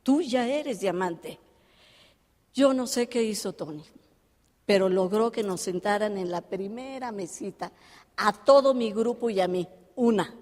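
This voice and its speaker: A woman giving a live motivational talk, telling her story with lively animation and acting out the dialogue. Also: medium pitch, unhurried. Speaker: motivational speaker. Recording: long hall reverb.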